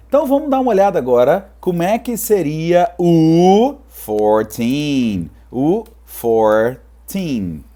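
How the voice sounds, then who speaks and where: A man's voice: fairly high pitch, mellow. A man teaching an online English pronunciation lesson, upbeat, drilling words for the viewer to repeat and dropping cheerful catchphrases.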